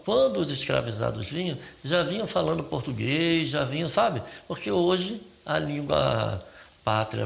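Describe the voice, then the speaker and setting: Very gravelly Brazilian man explaining. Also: on the high side. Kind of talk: documentary interview.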